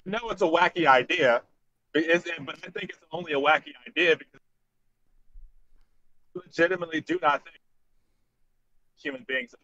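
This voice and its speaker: A man's voice: a little high, normal speed, long pauses, bright, forceful tone, dry recording. Man's voice cutting in and out. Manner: earnest, argues in broken fragments. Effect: voice cutting in and out over a weak online call connection. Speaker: hangout participant. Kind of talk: casual debate on a group call. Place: on the road. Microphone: tablet on a video call. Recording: dry, muffled call audio.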